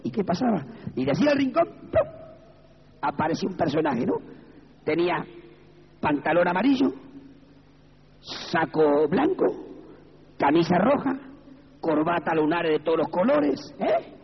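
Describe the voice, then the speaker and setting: An evangelical pastor, a man with an Argentine Spanish accent, preaches fervently. His fairly high voice drops low and measured, then climbs into ringing exclamations. It carries a long hall reverb over a dull, lo-fi recording with faint background noise. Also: big pitch swings, vocal fry, breathy edge. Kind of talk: evangelical sermon.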